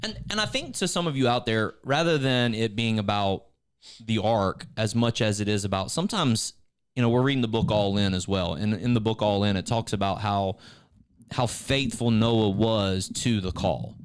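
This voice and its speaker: A man's voice: lowish voice, moderate pace, smooth. A man, co-hosting a casual church video chat, rambling with frequent restarts and turning encouraging. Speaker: church staff co-host.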